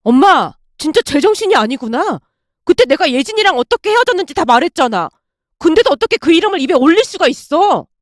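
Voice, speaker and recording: A woman's voice: high voice, very animated, brisk, dry recording, studio quality. A woman voicing a furious young husband. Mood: angry. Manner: heated, shouting outbursts. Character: angry young husband, hot-tempered.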